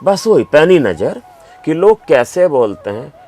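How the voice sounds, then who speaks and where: A man's voice: fairly high pitch, very animated, a little slow, a little mellow, faint music behind. A man who is a doctor and writer, answering interview questions with emphatic, anecdotal storytelling.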